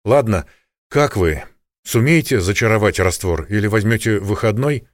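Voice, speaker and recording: A man's voice: fairly low pitch, expressive, normal speed, no echo, lightly acted. A man voicing a tough, composed wizard who barks short orders. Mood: calm. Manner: curt, barking orders.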